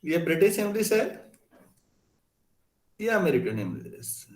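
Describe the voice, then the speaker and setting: A male teacher lectures his class in an easy, conversational way and keeps asking whether the students follow. His voice sits a little high. The classroom gives it a noticeable echo. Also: sing-song, measured pace. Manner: conversational, asks students questions. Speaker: math teacher.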